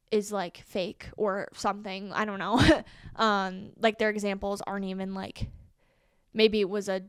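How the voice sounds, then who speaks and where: A woman's voice: medium pitch, clean tone, no room sound, studio quality. A woman in her twenties hosting a solo podcast, talking casually with lots of fillers. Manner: casual, animated, many fillers like "like" and "um". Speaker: podcast host.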